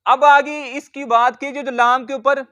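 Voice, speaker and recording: High, bright-voiced man teaching Quran reading. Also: flat delivery. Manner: patient explaining, spelling out letters and sounding words slowly. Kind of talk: word-by-word tajweed lesson.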